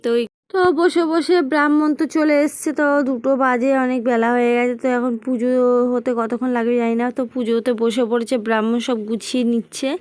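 A woman's voice: fairly high pitch, steady tone, fast, darkish tone, no room sound. A middle-aged woman chatting casually to viewers as she narrates a family home vlog, rambling and addressing them directly. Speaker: vlogger.

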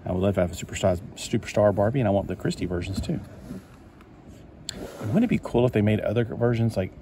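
Indoors at a table, a man flips through a collector magazine and chats casually to himself, rambling and easily delighted. His voice is on the low side and he talks fast, with background noise in the recording.

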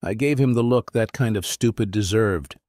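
A man narrating a first-person story in a plain, steady reading voice. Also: lowish voice, normal speed, dry recording, studio quality. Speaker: audiobook narrator.

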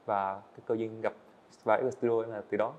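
With a lowish voice and flat delivery at a normal speed, an eighteen-year-old man tells his story earnestly and answers politely during a podcast interview. He's a guest animator on an indoor studio set, and the audio has a phone-quality sound.

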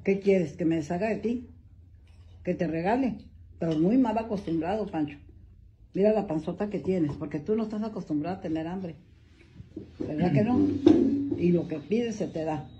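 A woman's voice: lowish voice, normal speed, long pauses, dark tone. An older woman, talking at home to her dog, scolding it yet doting on it with pet names. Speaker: dog owner. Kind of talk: casual talk to a pet. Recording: muffled home video with faint noise.

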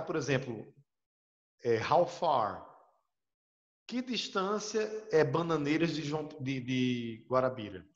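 A man teaching a remote class, walking students through each point and checking that they follow. His voice sits a little high. The sound is roomy and muffled, like a lo-fi home recording. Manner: explanatory, asks students for confirmation. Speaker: English teacher. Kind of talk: online class lecture. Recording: roomy, dull lo-fi audio.

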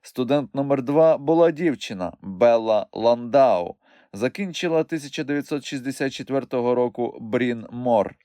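A man reading a novel aloud as a first-person audiobook narrator, in an expressive, animated way. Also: mid-range voice, normal speed, no echo, clean studio sound.

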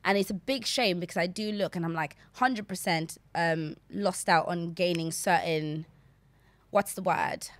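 A woman's voice: lowish voice, a little slow, no echo. A woman in her twenties from Zambia, chatting animatedly as an interview guest on a podcast mic in a small studio. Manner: animated, gestures a lot while talking. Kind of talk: casual interview chat. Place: small studio set, indoors. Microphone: desk podcast mic.

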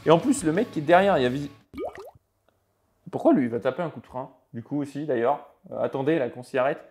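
A man with a fairly high voice talks casually over racing clips while faint music plays underneath. He stops and starts with lots of fillers and reacts out loud to each crash. The style is a chatty video commentary. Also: animated, husky. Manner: talks in halting bursts with many fillers. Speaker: sim racing video creator.

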